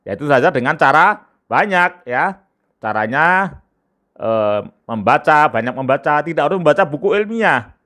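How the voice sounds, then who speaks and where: A middle-aged man giving a spoken lesson on speaking skills, lively and emphatic, often filling pauses with short "ya" and "eh" sounds. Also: a little high. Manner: lively, emphatic, stretches key words; frequent filler "ya" and "eh". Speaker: communication trainer.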